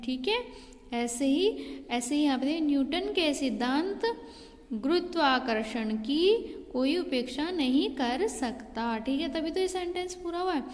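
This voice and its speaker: A woman schoolteacher giving a patient Hindi grammar lesson to young pupils, checking in often and calling them "beta". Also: high-pitched. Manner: patient, repeats "ठीक है" and "बेटा" to pupils. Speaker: school teacher. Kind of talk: online Hindi class lesson. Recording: long hall reverb.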